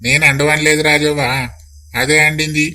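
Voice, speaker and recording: A woman voicing a teasing village brother-in-law, a man with a Telangana accent and a flat drawl. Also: low voice, moderate pace, pitched below the performer's own voice.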